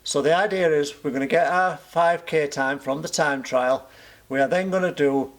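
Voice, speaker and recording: A man's voice: on the high side, normal speed. A man talking informally to camera as a coach in an instructional vlog, posing questions and answering them himself as he explains. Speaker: running coach and club vlog host.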